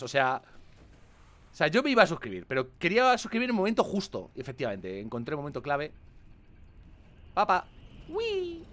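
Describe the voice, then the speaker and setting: A man with a Spain Spanish accent commenting on a game he plays, animated and swearing, with mock-dramatic outbursts. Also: on the high side. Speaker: gaming video host. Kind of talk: casual gameplay commentary.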